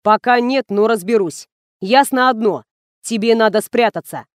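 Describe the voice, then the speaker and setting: A woman reading the part of a calm, dryly ironic male publisher. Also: a little high, moderate pace, no echo, clean studio sound, close to an everyday voice.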